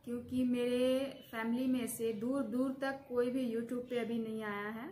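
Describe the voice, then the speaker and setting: A woman's voice: fairly high pitch, flat delivery, a little slow, dark tone, a little hiss or hum. A woman in her thirties chatting to her viewers from home in a simple, hesitant way with a few restarts. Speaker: vlogger. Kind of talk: casual vlog talk to camera.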